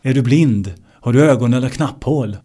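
A man voicing an angry man who shouts sharp, scolding insults in an example story. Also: medium pitch, lightly acted.

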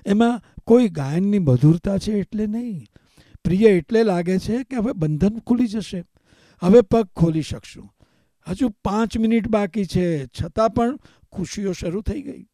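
A man delivers a spiritual discourse as a meditation teacher. He builds points through rhythmic repetition and returns to chanted refrains. His voice sits high but sounds deeply mellow, and the recording is close and dry. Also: expressive, measured pace, no room sound.

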